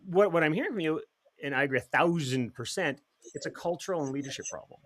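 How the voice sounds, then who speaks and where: Lively man hosting a podcast. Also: on the high side, fast talker. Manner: lively, joking, asks questions. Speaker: podcast host. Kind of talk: casual podcast conversation.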